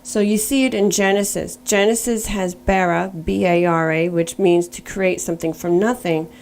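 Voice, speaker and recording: A woman's voice: medium pitch, steady tone, moderate pace, gravelly, a little mellow, a little hiss or hum. Earnest woman telling her testimony. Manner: earnest, storytelling, spells out words letter by letter. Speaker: faith testimony speaker. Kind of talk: personal testimony.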